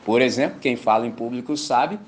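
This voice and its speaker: A man's voice: medium pitch, a little fast, slight background noise. A man with a Brazilian Portuguese accent preaching a sermon at a church service, conversational and slangy, often asking his listeners if they follow. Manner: conversational, keeps asking "entendeu?"; slangy and animated. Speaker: pastor.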